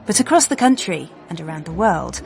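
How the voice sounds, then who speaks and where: A woman's voice: lowish voice, very animated, a little fast, vocal fry, faint music behind. A woman hosting a radio programme, reading her script with a wry, lightly playful manner. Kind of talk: scripted presenter narration.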